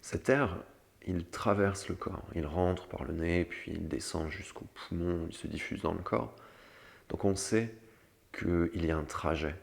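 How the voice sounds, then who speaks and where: A man with a gravelly, creaky voice giving step-by-step instruction as a guide for a breathing meditation. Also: low-pitched, a little slow.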